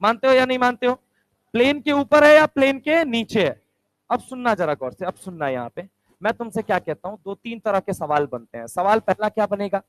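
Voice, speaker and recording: A male chemistry teacher lecturing a class, firing quick rhetorical questions and answering them himself. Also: high-pitched, animated, no echo, rough recording. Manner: answers his own questions aloud.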